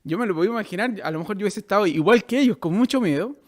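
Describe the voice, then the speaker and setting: A man's voice: sits high, lively intonation, racing. A male pastor with a Chilean Spanish accent preaching a sermon, asking his listeners direct questions.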